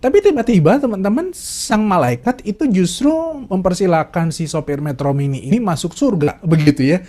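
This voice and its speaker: A man's voice: high-pitched, lively intonation, a little fast, dark tone. A man giving a casual devotional talk to an online fellowship, chatty and laughing often. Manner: chatty, frequent laughs, repeats "teman-teman". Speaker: devotional speaker.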